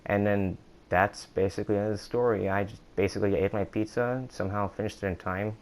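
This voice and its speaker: A young man rambling through a casual storytime monologue, with many restarts, who acts out quotes in a higher voice. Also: fairly even intonation, quick pace, darkish tone. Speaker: vlogger.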